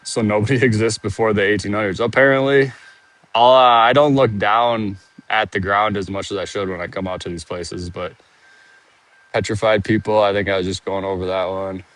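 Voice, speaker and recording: A man's voice: lowish voice, steady tone, normal speed, a bit bright. A man out of breath from walking, rambling and thinking aloud with restarts while he live-streams outdoors and reads viewer comments. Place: outdoors, walking around a monument.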